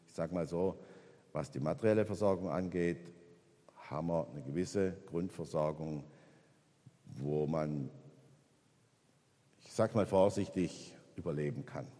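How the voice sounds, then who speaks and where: A man preaching a sermon in a church, rising loud on key points and dropping soft in reflection. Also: big-room sound. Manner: rises in pitch and volume when stressing points, drops low and soft in reflection.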